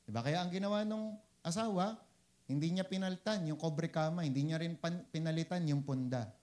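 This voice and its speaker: A man's voice: a little high, fairly quick, a little mellow. A man with a Filipino accent giving a casual sermon, often asking "di ba?" and switching into English phrases. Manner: conversational, keeps asking "di ba?", mixes English phrases. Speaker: preacher.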